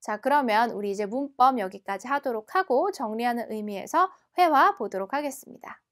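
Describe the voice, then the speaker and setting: Woman teacher, high voice, lively pitch, slow careful repetition. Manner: explains slowly, repeats words carefully. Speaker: French teacher. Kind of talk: language lesson.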